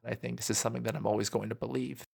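A young American man in his early twenties recording a reflective, casual audio letter, pausing often as he thinks. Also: medium pitch, little pitch movement, creaky, loud music behind the voice. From New York, United States. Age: early 20s. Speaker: university student exchanging audio letters. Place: dorm room.

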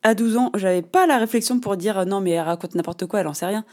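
Chatty French-speaking woman podcaster, mellow voice. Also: medium pitch, fast. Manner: animated, slangy storytelling with frequent fillers. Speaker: podcast host. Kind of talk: casual solo podcast monologue.

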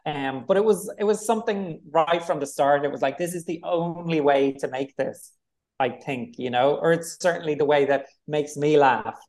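A man's voice: a little high, moderate pace. A man with a Dublin accent, a film director talking casually in an interview, rambling with lots of fillers. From Ireland. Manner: rambling, relaxed, many fillers.

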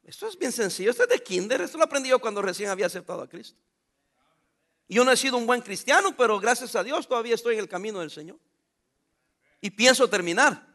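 A man's voice: extremely high pitch, animated, fast, bright, forceful tone. A middle-aged man, a pastor preaching a sermon with emphatic rhetorical questions to his congregation.

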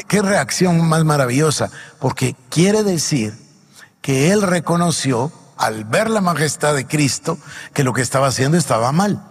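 A man preaching a sermon, reading scripture aloud and pausing to ask the congregation emphatic questions. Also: a little high, breathy edge, in a large hall. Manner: reads Bible passages aloud then comments with emphatic questions to the congregation.

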